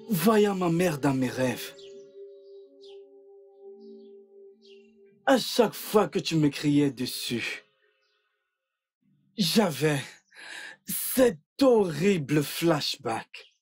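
A man dubbing a film role as a remorseful but hot-tempered husband who pleads and then shouts threats. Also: a little high, expressive, slow, pauses often, husky, soft background music, exaggerated voice. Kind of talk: dubbed film acting.

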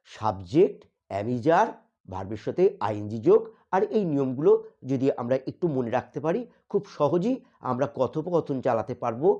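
A man teaching a grammar lesson, explaining step by step, spelling words out letter by letter and slowing down for the example sentences. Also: mid-range voice, dark tone, dull audio. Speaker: English teacher.

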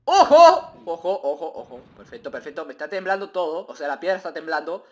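A man giving excitable, rambling gameplay commentary, repeating himself and bursting into shouts. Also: a little high, fast. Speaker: gaming video creator.

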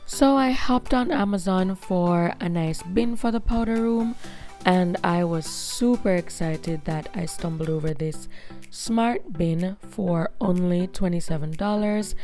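A woman in her thirties with a hoarse voice, giving a chatty voice-over walkthrough as a vlog host. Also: lowish voice, measured pace, dark tone, soft background music. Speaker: host of a home makeover vlog.

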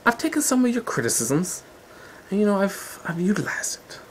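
A man's voice: high voice, big pitch swings, moderate pace, a little hiss or hum. A man from Canada hosting his own video channel, chatting casually and joking in a laid-back way. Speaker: channel host. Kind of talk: casual vlog chat.

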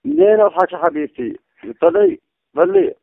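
Gravelly, tearful man swearing oaths. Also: very high voice, huge pitch swings, fairly quick, no room sound. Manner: swears oaths over and over, pleading and sing-song. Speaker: caller. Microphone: phone call. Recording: tinny dry phone line.

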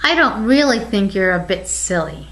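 A woman's voice: mid-range voice, expressive, moderate pace, fairly bright tone, natural voice. A woman voicing a timid, tender-hearted little girl doll who speaks in a pleading, fretful way.

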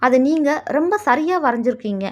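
A woman reading the lines of a composed young woman, steady and matter-of-fact. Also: high-pitched, fairly quick, dull audio.

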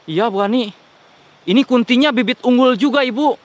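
A man with a Sundanese accent and a high, bright voice hosts a ghost-hunting vlog at night in the woods. He is excitable and jokey and bursts into curses and prayers whenever something startles him. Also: moderate pace. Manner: excitable, jokey, swears and prays when startled.

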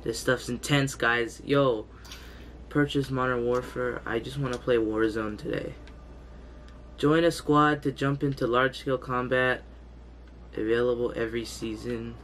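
A young gaming YouTuber with a congested, stuffy nose gives hyped, slangy gameplay commentary full of loud exclamations. His mid-range voice has fairly even intonation and a slightly slow pace, with a little hiss or hum. He's indoors in front of a green screen, using a headset and framed by a webcam.

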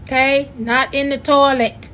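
Loud, chatty woman demonstrating at home. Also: high voice, measured pace, slight background noise. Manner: chatty, joking, loud and animated. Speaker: vlogger giving a demonstration.

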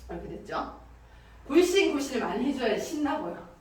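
A woman teaching a dance class, calling out counts and giving brisk instructions. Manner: brisk, lively beat counting with high calls. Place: dance studio with mirror. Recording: echoey studio, distant from mic.

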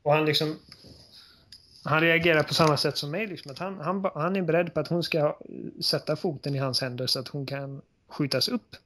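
A man co-hosting a casual game podcast, retelling scenes with animated storytelling. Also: on the high side, a little hiss or hum. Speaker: podcast co-host. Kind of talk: casual chat.

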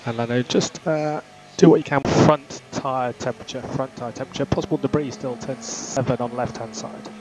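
A man's voice: mid-range voice, fairly even intonation, brisk, darkish tone. Male race engineer over noisy car radio. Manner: clipped, repeats key instructions. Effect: race car team radio. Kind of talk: terse race car team radio instructions. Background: car engine noise.

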